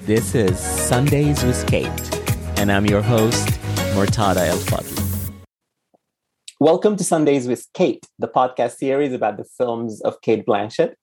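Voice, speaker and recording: A man from Sudan with a slightly husky voice, hosting a conversational film podcast. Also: medium pitch, lively intonation, measured pace, loud music behind the voice. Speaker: podcast host.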